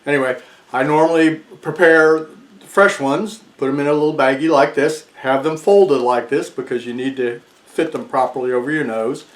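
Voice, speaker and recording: Man in his sixties, American accent, slightly high pitch, casual explanatory talk, roomy echo. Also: moderate pace. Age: 60s. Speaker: video presenter. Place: small furnished room indoors, seated in armchair. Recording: echoey small room.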